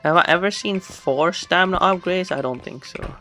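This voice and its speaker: With game music behind him, a man streaming solo play comments casually in a high, bright, forceful voice at normal speed. He's chatty and rambles, correcting himself as he goes.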